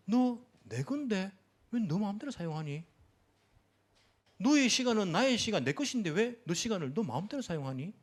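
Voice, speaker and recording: A man voicing the Lord as a male figure, questioning a believer firmly and insistently. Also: high-pitched.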